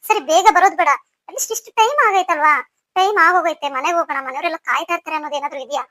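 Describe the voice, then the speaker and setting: A woman's voice: very high-pitched, very fast, a bit bright, no echo, studio quality. A woman voicing a worried, scolding middle-aged mother in a cartoon story, grumbling as she talks. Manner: grumbling and complaining.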